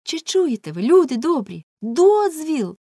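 A woman voicing a fiery young male prankster who loudly and urgently harangues a crowd. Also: medium pitch, normal speed, no room sound, clean studio sound, natural voice. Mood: mocking. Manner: loud, urgent, indignant preaching.

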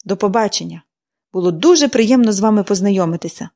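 A woman reader voicing a cheerful, chatty young girl who speaks brightly and eagerly. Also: mid-range voice, quick pace, lightly acted.

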